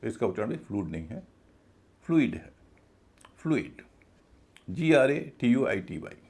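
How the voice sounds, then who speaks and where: A man's voice: on the low side, very animated, fairly quick, gravelly, a little mellow. A man teaching English pronunciation in a video lesson, spelling words out letter by letter and then repeating the correct form.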